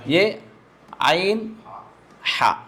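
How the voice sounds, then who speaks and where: A man teaching a live recitation class to students, sounding out throat letters and asking often if the point is clear. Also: high-pitched, very animated, sharp tone, slight background noise. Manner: demonstrates throat sounds, asks learners to confirm understanding. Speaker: religious teacher.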